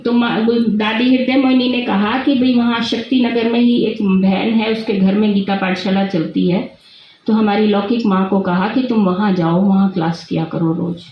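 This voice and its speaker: Older woman recalling, very echoey hall. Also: a little high. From Delhi, India. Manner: reminiscing, repeats words while recalling. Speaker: Brahma Kumaris sister sharing her experience. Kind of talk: personal spiritual testimony. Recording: very echoey, dull lo-fi sound, faint hiss.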